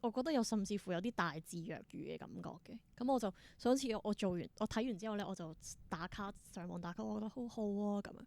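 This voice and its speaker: This woman talks fast with few pauses, her mid-range voice gravelly and a little mellow. An independent theatre performer with a Hong Kong Cantonese accent, she's an interview guest casually recounting stories and thinking out loud in brief, reflective bursts.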